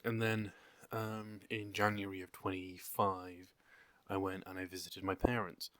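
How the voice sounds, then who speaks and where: A man's voice: low-pitched, flat delivery, unhurried, fairly bright tone, no room sound. A young man from England talking casually and out of breath, rambling with lots of fillers and the odd swear word. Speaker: vlogger. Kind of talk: unscripted casual vlog.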